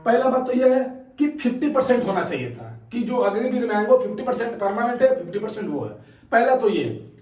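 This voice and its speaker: A man's voice: very high voice, distant mic. A man who runs a fitness academy giving his opinions in casual talk to viewers, emphatic and repetitive, often checking in with a questioning "haan?". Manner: conversational, keeps asking "haan?" to viewers; emphatic, repeats points. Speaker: fitness academy coach and channel host. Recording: roomy echo, voice set back from mic.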